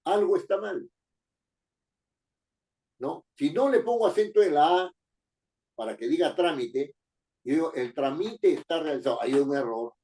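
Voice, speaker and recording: A man's voice: fairly high pitch, measured pace, long pauses, dark tone. A man teaching a class, explaining rules and repeating key phrases while he asks the students questions. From Peru. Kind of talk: spoken lesson on writing and accent marks.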